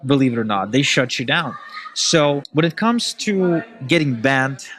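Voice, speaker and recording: A man from Ukraine, a guest in a casual podcast conversation, talking in animated, opinionated bursts. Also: medium pitch, unhurried, a little hiss or hum. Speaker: podcast guest, email marketer.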